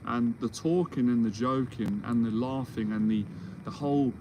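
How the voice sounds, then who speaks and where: A man's voice: mid-range voice, steady tone, normal speed, noisy background. Forty-year-old man, rambling mentor talk. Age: 40s. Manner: rambling, restarts often, reassuring. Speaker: confidence mentor. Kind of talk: solo Q&A monologue. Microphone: livestream or video call setup.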